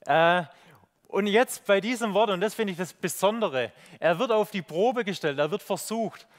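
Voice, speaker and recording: A man's voice: high voice, moderate pace. Reflective man preaching a sermon. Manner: reflective, many fillers and rhetorical questions. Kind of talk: sermon with slides.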